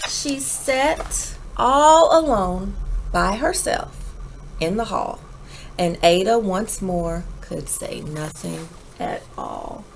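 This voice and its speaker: Woman doing a kids read-aloud, slow n very animated, dramatic pauses, bit of background noise. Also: medium pitch, vocal fry, rough recording. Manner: dramatic pauses, emphatic phrasing. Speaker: teacher reading a picture book aloud. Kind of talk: expressive children's read-aloud, rhyming storybook narration.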